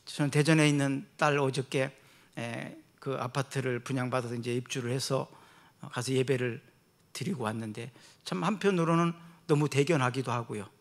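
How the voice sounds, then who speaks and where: A middle-aged man, a pastor preaching a sermon in an earnest way, dropping soft and reflective, then rising loud and emphatic. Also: mid-range voice, steady tone, moderate pace.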